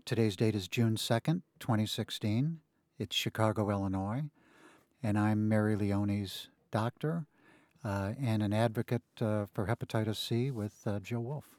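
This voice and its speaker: Man in his sixties, doctor; hesitant, lowish voice, dry sound. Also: darkish tone, no echo. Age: 60s. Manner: slow, hesitant introduction with fillers. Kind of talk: recorded interview.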